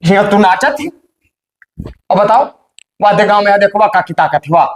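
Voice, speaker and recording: A man's voice: sits high, animated, moderate pace. A man with an Awadhi accent playing an overworked young village man in a comedy skit, grumbling and scolding in dialect. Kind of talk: rustic comedy skit acting.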